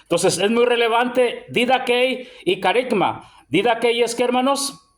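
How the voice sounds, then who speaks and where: Teaching from the pulpit in Mexican Spanish, this middle-aged preacher has a voice that sits high for a man. Nearly every line gets tagged with "hermano" as he fires questions at the congregation call-and-response style. Scripture readings become slow, stretched, and emphatic.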